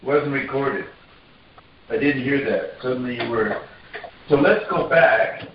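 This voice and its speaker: A man's voice: medium pitch, unhurried. A man in a casual phone chat, hesitantly checking the connection, his voice coming back with a heavy canyon-like echo. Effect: heavy canyon-like echo over a phone line. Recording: echoey, distant, dull phone line with hiss and clicks.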